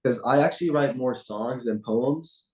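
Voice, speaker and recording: A young male student poet whose mother tongue is Punjabi performs spoken word in a measured, rhythmic manner over video call, then talks casually. He speaks in a mid-range voice with a somewhat dark tone.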